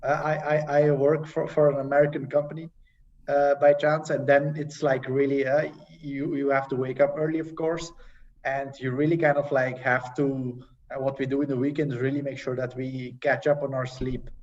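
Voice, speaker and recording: A young man sharing his experience as a panel guest in a casual, halting way, with many fillers and restarts, over a video call. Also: medium pitch, flat delivery, darkish tone. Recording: dull distant video-call audio.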